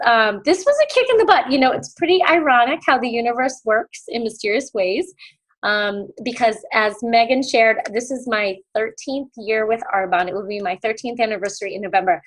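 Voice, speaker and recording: A woman's voice: fairly high pitch, moderate pace, low-quality recording. A woman in her forties from the United States, a guest speaker on a sales team call, talking in a bubbly, effusive way with many fillers. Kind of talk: casual motivational talk. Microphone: call audio.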